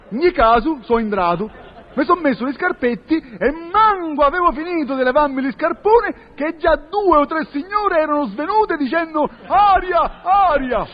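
A man playing a naive, boastful village shepherd who speaks an in a folksy, exclaiming way. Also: dull audio. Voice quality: shrill, folksy, exclaiming in dialect. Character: naive boastful rustic male shepherd, middle-aged villager. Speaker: comic character telling his story. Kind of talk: comic monologue with acted dialogue.

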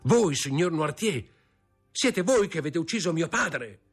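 A man's voice: fairly low pitch, animated, brisk, soft background music. A man voicing a desperate young nobleman who pleads and begs in an impassioned voice, in an audiobook reading of a novel. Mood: horrified.

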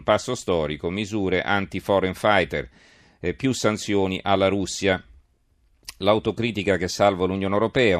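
Low-voiced male radio news host. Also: dry recording, studio quality. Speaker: radio press-review host. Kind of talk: live news press review, reading headlines with commentary. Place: radio studio.

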